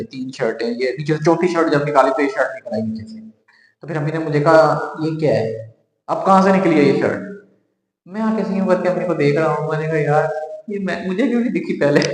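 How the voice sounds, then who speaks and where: A man talks to his students in a fast, chatty flow. His voice sits a little high and acts out the lines he quotes. The sound bounces around a hard, echoey room with a long reverb tail. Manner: chatty, animated retelling with quoted dialogue. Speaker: chemistry teacher. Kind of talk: casual storytelling to students.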